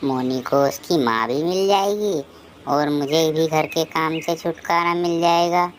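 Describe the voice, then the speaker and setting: A woman voicing a gentle, worn-out male sparrow father in a cartoon, pleading and tearful. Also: sits low, unhurried, a little hiss or hum. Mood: weary. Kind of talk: cartoon voice acting.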